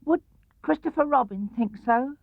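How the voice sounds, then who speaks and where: A man's voice: very high voice, moderate pace, dry recording, voice pushed up. A man voicing a timid, very small piglet in a children's storybook, doubtful and earnest. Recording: muffled 1970s cassette-era recording.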